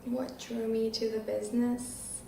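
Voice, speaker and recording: Giggly creaky-voiced teen woman, echoey. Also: a little high, little pitch movement, unhurried, mellow, distant mic, slight background noise. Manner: giggly, frequent "like" fillers. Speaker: interviewee. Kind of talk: casual interview answers. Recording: very echoey room, voice off-mic.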